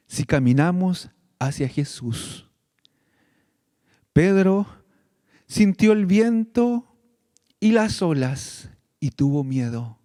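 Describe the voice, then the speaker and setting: A man's voice: high-pitched, darkish tone, no room sound, studio quality. A male pastor giving a sermon, speaking earnestly and directly to his congregation. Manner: slow, earnest preaching addressing the congregation directly.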